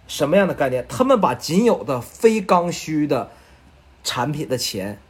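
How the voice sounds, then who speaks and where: Husky, lively man. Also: fairly high pitch, moderate pace. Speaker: bookstore co-owner, guest. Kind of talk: casual chat.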